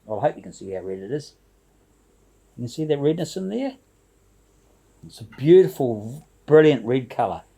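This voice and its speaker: A man's voice: medium pitch, very animated, moderate pace, creaky, pauses often, mellow, breathy edge. A man chatting casually and ramblingly to camera as a video blogger, with a jovial, informal, slangy way of talking.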